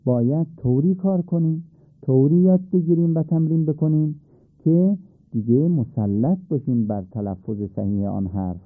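A man's voice: medium pitch, dry recording. Patient male Quran pronunciation teacher, tinny. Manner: patient, repeats and demonstrates sounds slowly. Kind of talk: radio-style pronunciation lesson. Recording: tinny phone-like dry sound.

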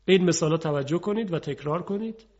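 A man teaching pronunciation in a broadcast lesson, patiently drawing out example words slowly for contrast. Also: fairly high pitch, darkish tone, muffled recording.

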